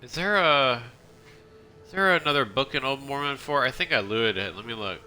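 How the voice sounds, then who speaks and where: This male game streamer talks in a mid-range voice at a moderate pace, pushed and bright, over a little hiss or hum. He keeps up chatty, rambling commentary while playing, often breaking off and restarting his sentences.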